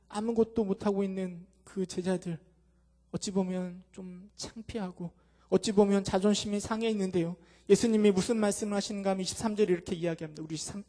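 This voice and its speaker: High-voiced pastor preaching in a reverberant church. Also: male voice. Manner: preaching with sudden rises in loudness and quick acted quotes. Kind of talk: sermon. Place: church sanctuary.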